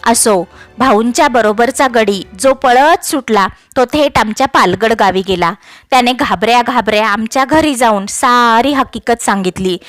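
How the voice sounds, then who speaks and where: A woman storyteller reading a classic tale in an expressive, measured way. Her voice sits fairly high and is recorded dry and close, with faint music underneath. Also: no room sound. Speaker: narrator.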